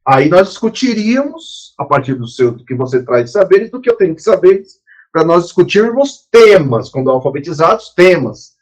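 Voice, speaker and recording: A man's voice: sits high, very animated, normal speed, a little mellow. A man, teaching a recorded lecture in a spontaneous, explanatory way with frequent restarts and asides.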